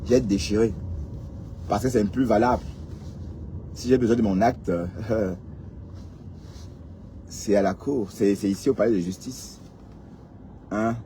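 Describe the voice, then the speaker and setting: In a vehicle on the road, a Cameroonian commentator offers casual, sarcastic ranting to viewers, throwing rhetorical questions their way. His voice is on the low side and warm, at a moderate pace with frequent pauses, over slight background noise.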